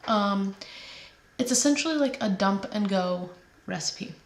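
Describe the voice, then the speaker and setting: A woman hosts a home cooking vlog from her kitchen, chatting in a laid-back, slightly rambling way with many fillers. She sounds nasal as she gets over a head cold, with a medium-pitched voice, lively intonation and a measured pace. The room is echoey, with faint background noise.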